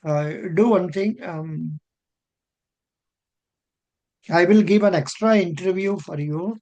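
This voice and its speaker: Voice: medium pitch, a little slow, a little mellow. An older interview coach with an Indian accent, giving mock interview feedback in an encouraging way and often repeating phrases.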